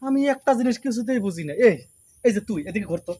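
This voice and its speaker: A man's voice: sits high, lively intonation, brisk, mellow, husky. An actor playing a poor, scheming husband who hires out his wives, pushy and wheedling. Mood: bossy. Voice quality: pushy, wheedling hawker's patter. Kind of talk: short film acting.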